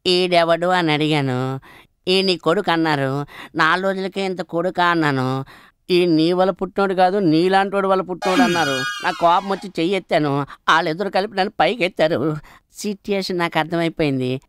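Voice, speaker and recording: A man's voice: sits high, brisk, fairly bright tone, clean tone, dry recording, clean studio sound. An actor playing a henpecked office clerk who ruefully tells his story, in a comedy film. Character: henpecked, hapless office clerk and former womanizer. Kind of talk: Telugu comedy film acting.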